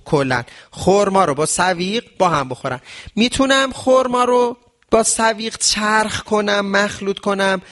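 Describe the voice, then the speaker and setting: A man with a high voice gives a lesson on diet during fasting. He often asks questions as if he were the audience and then answers them himself. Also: fairly bright tone. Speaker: traditional medicine teacher. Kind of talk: religious health lesson.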